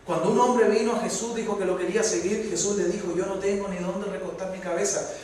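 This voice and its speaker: A Chilean man preaching a sermon as pastor, his voice rising to loud, fervent peaks. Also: high voice, fairly even intonation, quick pace. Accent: Chilean Spanish. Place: church hall. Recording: echoey hall from far off, faint noise.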